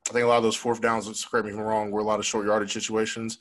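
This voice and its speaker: A man's voice: on the low side, monotone, a bit bright, rough recording. A young man, a college football player, answering reporters at a post-game press conference in a frank, conversational way, speaking into a desk microphone. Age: young adult. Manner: frank, fast, conversational with many fillers. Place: press room with logo backdrop. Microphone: desk microphone on stand.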